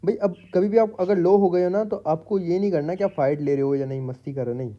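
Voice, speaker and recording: A man's voice: sits high, fast talker, dull audio, slight background noise. A man doing a casual, jokey gameplay voice-over for his channel at home, talking straight to his viewers. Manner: chatty, jokey, addresses viewers as public. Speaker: gaming YouTuber. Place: home room with pet parrots.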